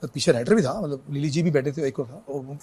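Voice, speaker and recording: A middle-aged man, an actor as an interview guest, telling anecdotes in a casual, lively way and slipping English phrases in. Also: fairly high pitch, fairly quick, husky.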